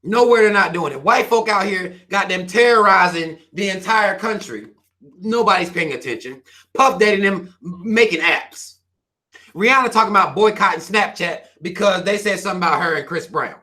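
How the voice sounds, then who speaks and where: A man's voice: sits high, moderate pace, pushed and bright. Blunt profane Southern American man. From US South, Carolinas. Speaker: channel host reading viewer comments. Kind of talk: casual livestream rant.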